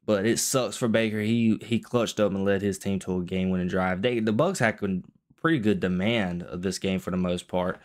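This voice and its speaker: A young man giving casual post-game football commentary, keeping it restrained and quiet late at night, often repeating and rephrasing his points. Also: sits low, moderate pace. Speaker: sports vlogger.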